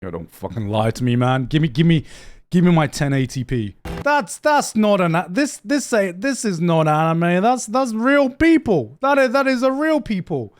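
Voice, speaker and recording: A young man with a high, sing-song voice reacts casually to an anime trailer on a live stream at a normal pace. He swears freely, laughs often, and repeats himself while thinking aloud. Japanese isn't his first language.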